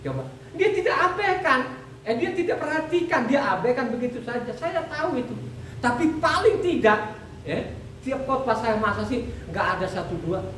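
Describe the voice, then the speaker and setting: A woman's voice: sits high, big pitch swings, moderate pace, a bit bright, slight background noise. A woman preaching a sermon in a repetitive, conversational way, often calling out to the congregation. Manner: repetitive, addresses the congregation as "saudara". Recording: echoey room, mic far off.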